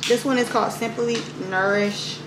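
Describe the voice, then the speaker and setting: A fairly high-pitched, steady voice belongs to a woman in her twenties chatting informally with her viewers at a moderate pace. This casual vlog is shot indoors in a parked car and a room at home, using camera audio from arm's length or close range that is noisy.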